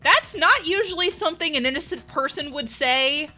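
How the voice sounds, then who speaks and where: A woman's voice: sits high, expressive, normal speed, pushed and bright, faint music behind. A woman giving casual let's play commentary on a game, with incredulous, teasing reactions. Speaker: let's player.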